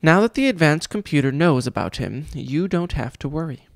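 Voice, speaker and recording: A man pitches his voice above his natural range, sounding high, gravelly and very animated at a moderate pace, in a dry, studio-quality recording. He portrays a self-proclaimed genius vice principal, pompous and cruel, for a children's storybook. His scolding, pompous delivery is condescending and mocking.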